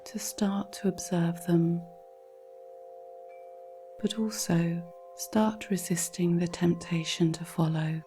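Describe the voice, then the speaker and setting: In a slightly low, mellow voice, a woman guides a relaxation, speaking very slowly, calmly and with measured care. A soft breathiness colors her instructions, and faint noise and faint music sit in the background.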